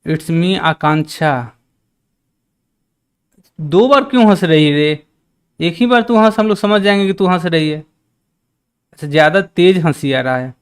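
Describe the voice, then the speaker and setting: Male maths tutor, live-stream lesson, chatty, fairly high, smooth clear voice. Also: expressive, moderate pace. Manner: chatty teacher, reads out and teases chat. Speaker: maths teacher.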